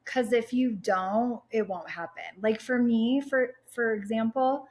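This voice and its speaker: A woman's voice: a little high, a little slow, a little mellow. A woman who is a Pilates instructor, a guest in casual chat, upbeat and peppering her talk with "like" and "right?". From United States.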